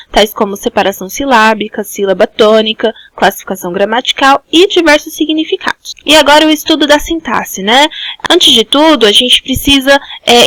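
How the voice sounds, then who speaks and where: A woman's voice: sits high, fairly bright tone, dry recording, poor audio. A Brazilian woman teaching a school language class, explaining step by step and often checking in with "né?". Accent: Brazilian Portuguese. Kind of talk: online class lecture.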